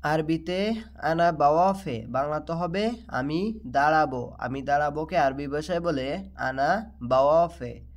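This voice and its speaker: Man, Bangladeshi accent, language lesson, slow and repetitive, slightly high voice. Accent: Bangladeshi Bengali. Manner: slow, repetitive drilling of phrases. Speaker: language teacher.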